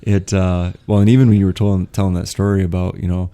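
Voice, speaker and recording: Very deep, gravelly young male podcast host. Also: fast. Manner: relaxed, laughs often, many fillers. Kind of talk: casual conversational interview.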